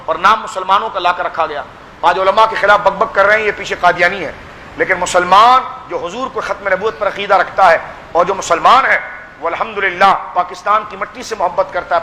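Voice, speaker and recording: High, bright impassioned Pakistani preacher man. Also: big-room sound, slight background noise. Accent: Pakistani Urdu. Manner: impassioned, exhorting, addresses listeners as children. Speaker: pir giving a religious speech. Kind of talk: fervent sermon at a gathering.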